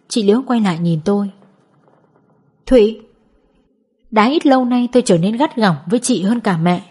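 A woman narrating a first-person story in an audiobook, reading in a tender, remorseful and measured way over faint background music. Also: mid-range voice, dark tone, husky.

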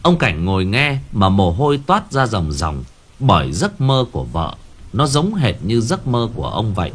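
Expressive male storyteller with a lively pitch. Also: moderate pace. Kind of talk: scripted ghost story narration.

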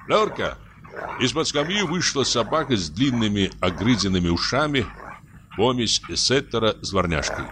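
A man narrating a classic story, measured and expressive. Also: medium pitch, noisy background.

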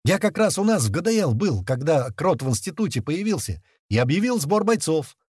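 A man voicing a relaxed friend who casually explains why he came along. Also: fairly high pitch, brisk, slightly rough, dry recording, studio quality, pitched above the performer's own voice. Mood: placating. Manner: relaxed, soothing, chatty. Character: easygoing young fighter friend, cheerful man.

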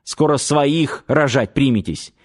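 A man reading an audiobook, voicing a gruff, caring grey-bearded grandfather who grumbles unhurriedly. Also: mid-range voice, measured pace, natural voice. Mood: grumbling.

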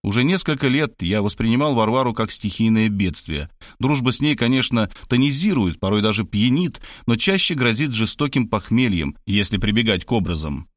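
A man's voice: fairly low pitch, expressive, brisk, dry recording, studio quality. A man reading a first-person audiobook as narrator, in a wry storytelling manner.

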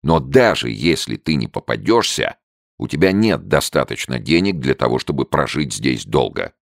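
A man's voice: a bass voice, big pitch swings, normal speed, vocal fry, dry recording, studio quality, full character voice. A man voicing a nervous young male soldier who pleads with his friend. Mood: pleading.

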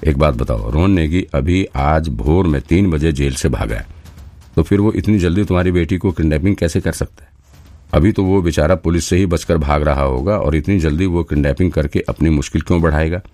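A man doing a sharp, probing detective. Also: extremely low pitch, brisk, dry recording. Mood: explaining. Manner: probing, firm questions. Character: sharp, confident male detective questioning a suspect.

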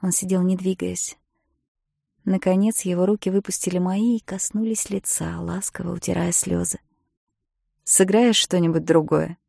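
A woman reading an audiobook in the first person, expressive, moving between hushed and loud passages, close to the mic. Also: on the low side, moderate pace, vocal fry, breathy edge, dry recording. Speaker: audiobook narrator. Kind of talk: scripted narration.

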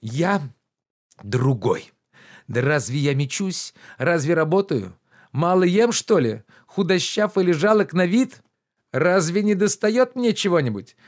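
Man doing a shrill indignant pampered gentleman. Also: sing-song, measured pace. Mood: shrill outrage. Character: pampered idle middle-aged gentleman, indignant.

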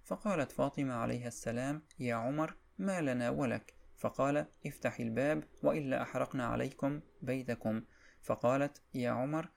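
A man narrating a religious history text in a steady, measured read-aloud style. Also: mid-range voice, vocal fry.

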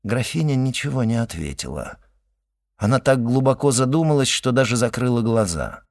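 A man narrating a classic novel as an audiobook in a measured, even reading. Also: mid-range voice, creaky, no echo, studio quality. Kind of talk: scripted narration.

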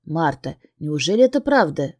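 A stern male mage teacher, brooding and insistent, as a woman reader puts him on. His voice is pushed low and mellow, and he presses his questions in measured, even phrases. It is an audiobook character voice. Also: dry recording, clean studio sound. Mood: pleading.

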